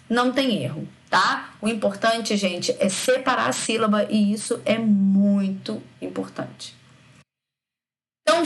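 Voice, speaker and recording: A woman teaches a recorded grammar lesson in a lively manner, stretching syllables out to demonstrate sounds and checking in with her students often. Her voice is a little high.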